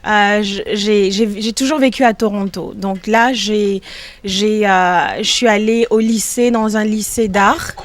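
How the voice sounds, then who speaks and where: A woman's voice: mid-range voice, steady tone, measured pace. A young woman from Congo, a singer, answers interview questions in a casual way. She hesitates a lot, filling gaps and restarting her sentences as she looks for words. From Democratic Republic of the Congo. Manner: hesitant, many fillers and restarts.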